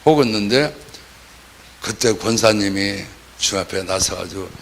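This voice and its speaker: A man's voice: on the low side, unhurried, creaky, a bit bright, a little hiss or hum. A man preaching a sermon as pastor, talking in a colloquial way and acting out the voices of the people he quotes.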